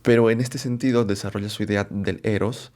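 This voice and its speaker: A man presenting a philosophy lecture, unhurried and thinking aloud, often checking in with rhetorical questions and correcting himself as he goes. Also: fairly low pitch, fairly even intonation, darkish tone. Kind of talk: explanatory lecture to camera.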